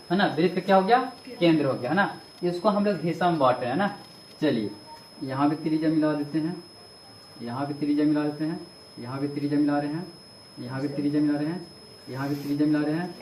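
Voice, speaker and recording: A man's voice: a little high, fast talker, pauses often, darkish tone. A male maths teacher, teaching a class in a lecture that asks questions and repeats the answers. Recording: echoey room, mic far off, faint noise.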